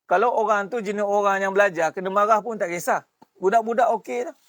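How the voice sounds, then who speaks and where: A middle-aged man with a Malaysian Malay accent giving a casual religious talk, shifting between soft asides and sudden raised bursts. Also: high-pitched, fairly even intonation, fast talker, no echo, studio quality. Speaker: religious teacher.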